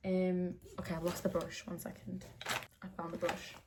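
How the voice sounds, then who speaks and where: A young woman's lowish, monotone voice moves at a moderate pace as she candidly chats while doing her makeup at home, full of fillers and rambling. Heavy noise sits in the background.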